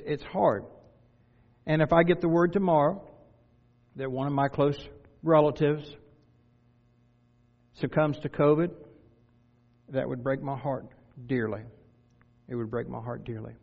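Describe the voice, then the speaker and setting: Earnest pastor preaching in a reverberant church. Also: male voice, mid-range voice. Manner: earnest, shifts from quiet reflection to raised exhortation. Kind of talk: sermon. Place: church sanctuary. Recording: dull, reverberant hall recording with faint music.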